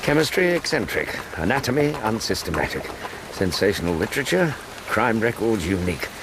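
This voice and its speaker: An English man acting a loyal, kindly doctor and companion in a radio drama, earnest and gentlemanly. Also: on the low side, sing-song, brisk, noisy background. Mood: thoughtful.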